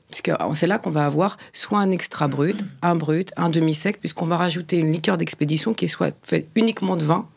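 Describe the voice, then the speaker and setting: A woman with a gravelly, slightly husky voice talks through a process in an interview. She stumbles and restarts her phrases often, repeating small words as she searches for the right term. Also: deep voice, darkish tone. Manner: halting, frequent restarts. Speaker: champagne producer. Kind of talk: explanatory interview talk.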